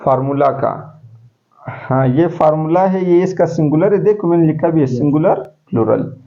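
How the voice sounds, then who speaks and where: A man's voice: fairly high pitch, expressive, moderate pace, warm tone. A male teacher, giving a classroom lecture step by step and asking his students questions as he goes. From Pakistan. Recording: dull lo-fi classroom recording.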